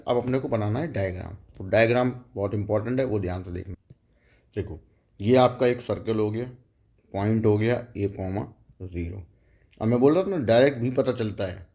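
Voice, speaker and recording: Math tutor, male, low mellow voice, patient step-by-step explainer. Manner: explains step by step, checks in with the class. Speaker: math teacher. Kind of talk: whiteboard math lecture.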